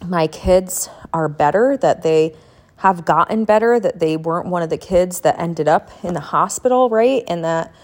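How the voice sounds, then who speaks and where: A young woman hosts a casual chat and prayer podcast, rambling and chatty with plenty of fillers, sounding congested from a head cold. Her voice is on the low side and she speaks at normal speed.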